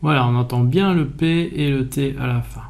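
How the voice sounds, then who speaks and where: A man calmly explaining spelling in a video lesson, methodical and even. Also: mid-range voice, moderate pace, gravelly. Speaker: French language teacher.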